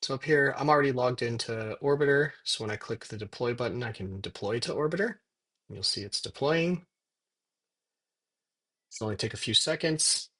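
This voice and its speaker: A man giving a casual software tutorial, thinking aloud as he works at his computer. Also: medium pitch. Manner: thinks aloud while typing, dictating prompts in slow pieces. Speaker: software demo presenter. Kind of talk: casual screen-recorded tutorial narration.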